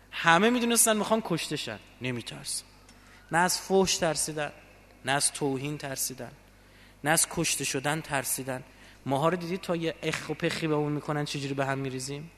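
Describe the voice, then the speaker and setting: A man preaching a religious sermon fervently, moving from quiet passages to loud emotional peaks. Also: on the high side. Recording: long reverb of a large hall.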